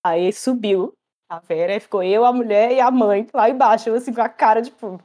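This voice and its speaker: A woman's voice: fairly high pitch, brisk. A woman telling a funny story in casual chat, acting out the other people's voices. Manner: animated storytelling, acts out quoted voices, laughs often.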